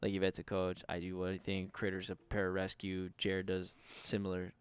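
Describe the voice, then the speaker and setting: Laid-back, swearing young man, low voice. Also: monotone, brisk, clear, resonant tone, no echo. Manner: loose and profane, laid-back slang. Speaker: podcast co-host. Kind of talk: casual chat.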